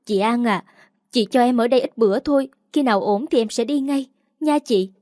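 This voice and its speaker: A woman's voice: a little high, fairly quick, darkish tone, no room sound, clean studio sound, lightly acted. A woman narrator voicing a desperate younger sister who begs in a tearful, pleading way. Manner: tearful, begging.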